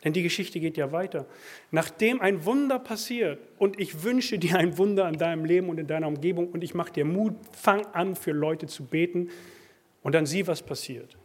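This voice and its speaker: A man preaching a sermon, swinging from loud emphatic bursts to quiet asides. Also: fairly high pitch, moderate pace. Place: church.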